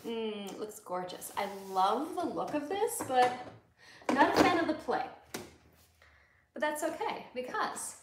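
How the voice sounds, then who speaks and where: A woman's voice: high voice, animated. A woman in her thirties with an Upper Midwest American accent, chatting casually and giggling as she hosts a livestream, recorded in a small salon room on a camera a few feet off. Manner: chatty, giggly, slow-paced show-and-tell. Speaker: livestream host. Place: small salon room with barber chairs, indoors. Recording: echoey room with faint noise.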